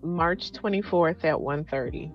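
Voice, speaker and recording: A woman's voice: low voice, a little slow, muffled recording, faint music behind. A woman working as a court clerk, giving scheduling details in procedural fashion on a video call.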